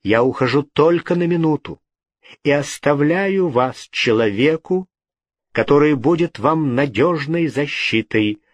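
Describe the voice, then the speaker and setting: Calm gentle nobleman, a man reading him, slow steady voice, dry sound. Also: fairly high pitch, dry recording, voice pushed up. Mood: calm reassurance. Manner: calm, reassuring.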